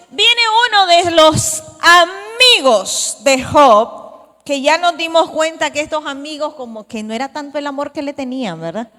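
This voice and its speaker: A woman's voice: sits high, sharp tone. A woman leading a church Bible study in a conversational way, asking the congregation questions. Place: church hall. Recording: reverberant church hall.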